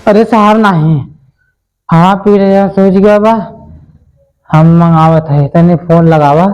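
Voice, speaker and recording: A man's voice: sits high, measured pace, darkish tone, lo-fi sound, soft background music. Awadhi man in a comic village sketch. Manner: wailing and pleading, theatrical. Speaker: comic lead playing a henpecked villager. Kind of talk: rustic comedy sketch.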